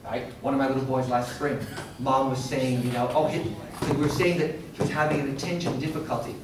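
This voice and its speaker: A man's voice: medium pitch, fairly even intonation, fairly quick. A middle-aged man presenting a workshop to a live audience, asking questions and talking in an interactive way. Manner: interactive, asks the room questions. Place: classroom or lecture room. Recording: echoey room from far off, faint noise.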